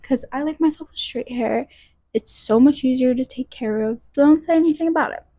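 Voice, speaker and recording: Her voice is high, a little fast and mellow, caught on a low-quality recording. She's a young woman in college, rambling casually to a propped-up phone camera in her kitchen and veering into gossip. Later the vlog shifts to a bedroom, where she speaks into a handheld mic.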